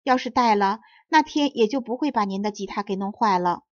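A woman's voice: mid-range voice, fairly quick, no room sound, muffled recording, lightly acted. A woman voicing a small, proud crab leader who boasts and chatters eagerly.

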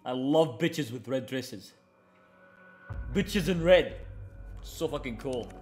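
A young man streaming a video game, reacting loudly with laughter, constant swearing and excited shouts. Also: mid-range voice, slow, faint music behind. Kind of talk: live gameplay reactions.

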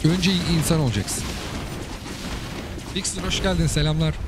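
A man's voice: fairly high pitch, normal speed, music in the background. A man hosting casual commentary over viewers' game replays, chatty and asking the listener again and again whether they get it. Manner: chatty, keeps asking "you get it?" and calling the listener brother.

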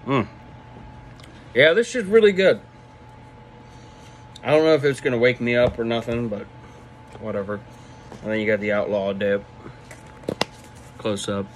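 A man in his twenties giving a casual, halting, laid-back product review while talking with a lip full of dip. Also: fairly low pitch, flat delivery, slight background noise, rough recording. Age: 20s. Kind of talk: casual vlog review, off the cuff. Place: small room indoors. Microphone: phone at arm's length.

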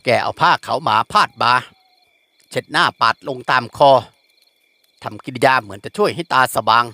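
A man narrating a classic novel in an animated storytelling manner. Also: medium pitch, moderate pace, dry recording. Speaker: audiobook narrator. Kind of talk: novel reading.

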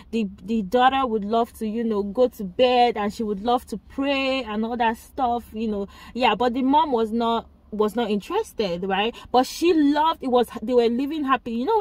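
A woman's voice: fairly high pitch, no room sound. A woman, chatting casually as she reviews a movie, laughing often and asking viewers questions.

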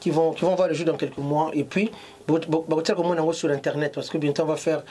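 A man's voice: a little high, fairly even intonation, a little fast, warm tone. A middle-aged man from Congo, a fashion designer, interviewed in a clothing shop, mixing French and Lingala with emphasis. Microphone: handheld mic held by interviewer.

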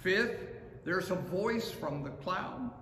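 A man in his sixties preaches in a slow, deliberate way from the pulpit of a large, empty sanctuary. His voice sits high for a man and carries a long, echoing reverb, with a faint room hum underneath. He is heard from a camera set some way back. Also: animated, pushed and bright. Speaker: pastor. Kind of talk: sermon. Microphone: far camera.

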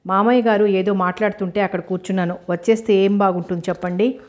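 Teasing young wife, playful, mock-scolding, woman reader doing the voice, even delivery. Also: medium pitch, fast, close to an everyday voice.

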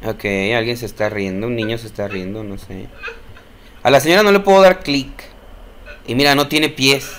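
A young man with a Mexican Spanish accent streams a horror game, swearing often, jumping at scares, and talking back to the characters. His voice is medium-pitched and fairly bright at a normal speed, with a little hiss or hum.

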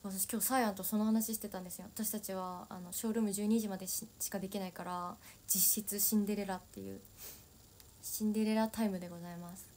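Young woman, chatty, giggly, casual livestream chat, mid-pitched. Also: fairly even intonation, fast, mellow, a little hiss or hum. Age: young adult. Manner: chatty, giggly, answering viewer comments. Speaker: idol livestreamer.

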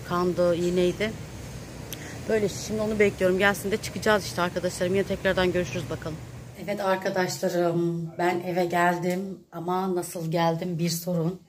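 A woman's voice: medium pitch, a little hiss or hum. A woman in her thirties chatting to her viewers, retelling a day's events in a casual storytelling vlog. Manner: chatty, addresses viewers directly. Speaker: vlogger.

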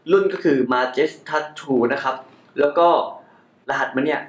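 A man's voice: fairly high pitch, steady tone, a little slow. A young man giving a casual unboxing commentary as a tech reviewer, chatty and joking about his own mispronunciations. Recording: echoey room.

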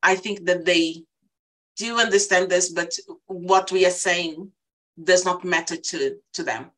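Lower-voiced woman. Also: unhurried, fairly bright tone, low-quality recording. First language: Portuguese. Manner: thoughtful, hesitant, frequent restarts. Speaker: panelist. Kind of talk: panel discussion on a video call. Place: small room indoors. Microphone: laptop webcam mic, video call.

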